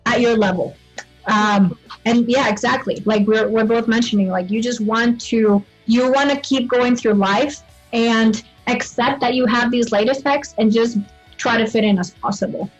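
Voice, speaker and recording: A woman's voice: fairly high pitch, fairly even intonation, normal speed, faint music behind. A woman with a Spanish accent hosting an interview, encouraging and often adding "right?". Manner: encouraging, keeps tagging "right?". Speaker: host. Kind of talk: casual interview chat. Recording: dull lo-fi sound.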